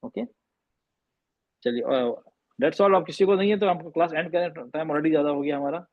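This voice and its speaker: Over a video call microphone, a fairly high-pitched man speaking at normal speed patiently drills and repeats Arabic letter sounds for his online class, slipping English phrases into Hindi. The recording is dry and muffled.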